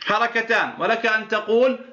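A man with a high, sharp, bright voice teaches recitation rules. He keeps asking his listeners prompting questions and then answering them, stretching vowels aloud to show each length. The lo-fi recording sounds dull and echoey. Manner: demonstrates short and long drawn-out vowels aloud. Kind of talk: explaining a recitation rule poem line by line.

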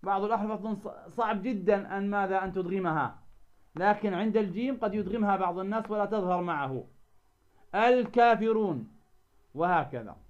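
A man teaching a lesson on recitation rules. He asks the class questions for them to finish and slows down to sound out example words. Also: sits high. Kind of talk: tajweed lesson explaining a didactic poem. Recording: dull lo-fi recording.

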